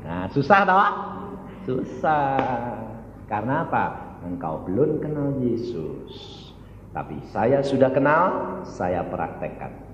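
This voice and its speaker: A man's voice: medium pitch, sing-song, slow pace. A man preaching a sermon, firing rhetorical questions at the congregation. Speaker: evangelist preacher. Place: church hall. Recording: echoey hall, dull sound, faint noise.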